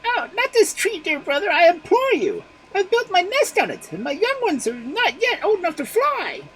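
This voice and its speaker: A man voicing an anxious mother magpie in a storybook reading, with a high, quavering, imploring voice. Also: animated, fairly quick, a bit bright, a little hiss or hum, rough recording. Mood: pleading.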